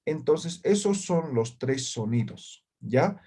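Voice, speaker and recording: A man leads a language lesson over a video call, speaking slowly and calmly with a slightly husky voice. He keeps checking that his students are following with short tag questions. He says practice syllables loudly and distinctly. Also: a little high. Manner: patient, ends phrases with "¿ya?" and "¿no?". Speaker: language teacher. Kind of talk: online class.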